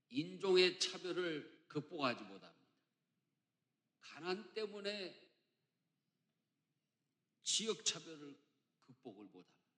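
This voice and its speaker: Emphatic pastor preaching in an echoey church. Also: male voice, high voice. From Chungcheong, Korea. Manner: emphatic preacher with big swings between loud and soft, joking. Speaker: senior pastor. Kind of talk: sermon. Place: church sanctuary.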